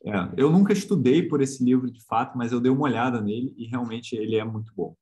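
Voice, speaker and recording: Speaking quickly at a medium pitch, a Brazilian Portuguese-accented man teaches physics online in a casual way. He keeps it conversational, often tacking on tag questions and hesitating.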